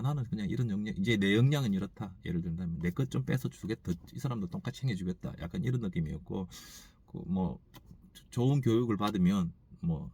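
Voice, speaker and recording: Man, deep-ish voice, dry close sound; reflective morning talk, halting, self-correcting, thinks out loud. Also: husky, dry recording. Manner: musing and halting, thinks aloud with frequent restarts. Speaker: store owner.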